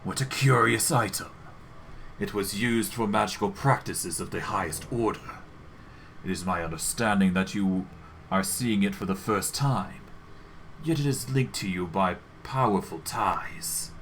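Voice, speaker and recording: A man voicing an imperious, irritable undead lich mentor from a fantasy game, speaking in a formal, measured, pompous way. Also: on the low side, fairly bright tone, slight background noise. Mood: grave, scholarly. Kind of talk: game dialogue read aloud in character.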